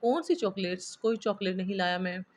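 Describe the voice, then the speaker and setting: A woman's voice: mid-range voice, fairly quick, natural voice. A woman reading a storybook aloud and voicing an irritable, teasing young husband in her own voice. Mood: irritated. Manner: snappy, teasing.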